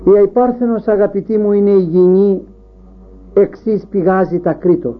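A man's voice: sits high, steady tone. A man preaching an Orthodox sermon, building up rhetorical questions one after another. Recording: tinny phone-like sound.

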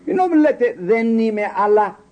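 Older male lay preacher, husky, warm dark tone, very animated delivery with questions. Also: extremely high pitch. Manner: animated storytelling, quotes dialogue, rhetorical questions. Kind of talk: sermon with personal stories.

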